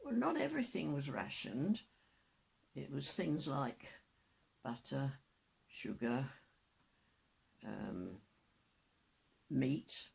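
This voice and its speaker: An elderly woman in her nineties speaks in a very husky, cracked voice with plenty of creak. She reminisces casually as an interviewee, halting now and then to repeat or correct herself. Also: rumbling low, lively intonation, a little mellow. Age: 90s.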